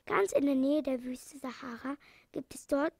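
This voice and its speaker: In a children's storybook reading, a woman voices a kind, gentle old animal doctor with a soothing tone at normal speed. Her delivery sits high with a gravelly edge, recorded close and dry without echo.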